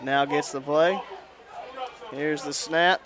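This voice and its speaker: A man's voice: a little high, fairly even intonation, slow. A man giving live play-by-play commentary at an outdoor football game, with energy that rises on big plays. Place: outdoor high school stadium. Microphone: headset. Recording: crowd noise behind.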